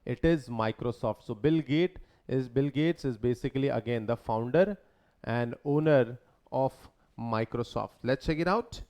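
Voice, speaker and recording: A man's voice: mid-range voice, drawn-out words, darkish tone. A man teaching a lecture in a conversational way, often quizzing his students with questions. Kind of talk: lecture mixing Hindi and English.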